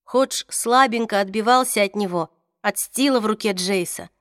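A woman reading a fantasy audiobook with expressive, dramatic narration, voicing each character. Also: mid-range voice, normal speed, dry recording, studio quality. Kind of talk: scripted narration.

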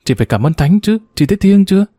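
A man's voice: sits high, lively intonation, quick pace, mellow, slightly rough, dry recording, clean studio sound, voice pushed up. A man reading a story and voicing a chatty young woman who pleads sweetly. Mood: excited. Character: coaxing, wheedling young woman, the adopted sister.

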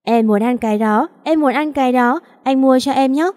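A woman's voice: sits high, normal speed, darkish tone, voice pushed up, natural voice. Woman voicing a tearful little girl. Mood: eager. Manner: whiny, pleading. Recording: long reverb.

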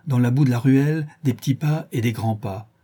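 A man voicing a rough, loyal Parisian ex-brawler who rambles in street slang. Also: medium pitch, brisk, warm tone, close to an everyday voice. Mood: confiding.

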